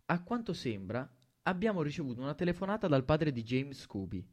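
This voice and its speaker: A man voicing a stern, formal male teacher who speaks in measured phrases. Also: fairly high pitch, very animated, voice pushed up.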